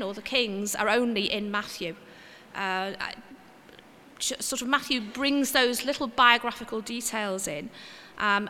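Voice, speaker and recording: A woman preacher with a fairly high, bright voice delivers an informal sermon in a relaxed, chatty, homely way, adding gentle self-mocking asides. The audio has the long reverb of a church hall and faint background noise.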